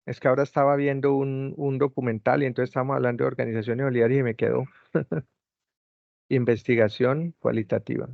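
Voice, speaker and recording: Guy tutoring over a muffled dry call, gravelly voice, walks students through it slowly. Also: mid-range voice, no room sound. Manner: patient, repeats instructions step by step. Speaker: online course tutor. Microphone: video call. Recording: dull lo-fi call audio, dry.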